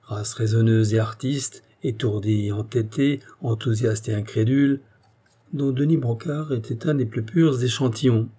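A classic novel is read aloud by a man whose mid-range voice sounds husky. As the audiobook narrator, he delivers the story evenly and at a measured pace.

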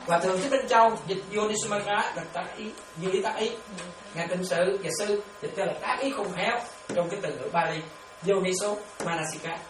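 A woman's voice: mid-range voice, fairly quick. A woman giving a dharma talk as a Buddhist nun, laughing often and checking again and again that her listeners follow. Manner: lively, laughs often, keeps checking understanding with questions. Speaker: Buddhist nun teaching meditation. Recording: echoey room, distant mic, noisy.

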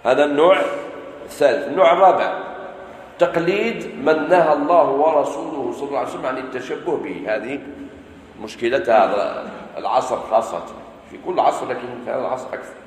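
A man's voice: medium pitch, fast talker, roomy sound, long reverb tail, slight background noise, low-quality recording. A man with an Algerian Arabic accent giving a religious lesson, often asking the audience questions and then answering them himself. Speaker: preacher.

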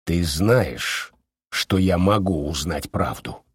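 A man voicing a quiet, controlled male consul who leads an alliance in an audiobook. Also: deep voice, lively intonation, takes it slowly, breathy edge, no room sound, voice pushed down, exaggerated voice. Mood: menacing. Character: quietly menacing middle-aged male alliance leader.

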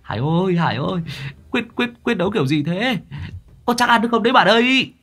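Man doing a shrill, panicky young brawler. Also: expressive, faint music behind, full character voice. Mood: anxious. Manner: shrill, fast, crude shouting. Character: brash loud young man, cursing, panicky.

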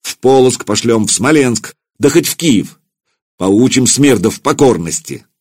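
A brash, hot-tempered warlord in an audiobook, loud and eager for a fight. A man voices him with a lively, rising pitch and a husky edge. The sound is close and dry. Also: measured pace, dry recording. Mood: blustering. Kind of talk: audiobook character voice.

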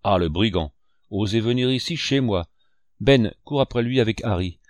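A man's voice: on the low side, moderate pace, no echo, clean studio sound, lightly acted. A man reading an audiobook, voicing a scheming one-legged innkeeper who blusters with theatrical indignation. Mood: blustering.

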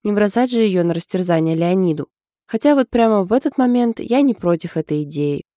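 A woman's voice: medium pitch, expressive, fairly quick, mellow, no room sound, studio quality, close to an everyday voice. A woman voicing a wry, sour-tongued young woman friend in an audiobook.

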